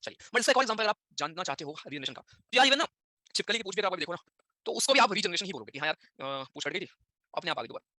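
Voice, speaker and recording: Guy teaching an online class super fast, bright voice, dry sound, keeps asking the students questions. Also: high-pitched, animated, dry recording. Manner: chatty, addresses students directly with frequent tag questions.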